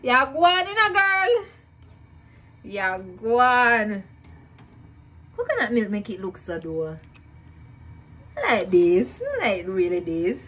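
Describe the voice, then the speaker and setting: A woman's voice: mid-range voice, very animated, slow pace, long pauses, fairly bright tone. A young woman with a Jamaican accent chatting casually as she cooks in her home kitchen, repeating herself and laughing at her own efforts. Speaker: cooking vlogger. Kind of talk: casual cook-along chat.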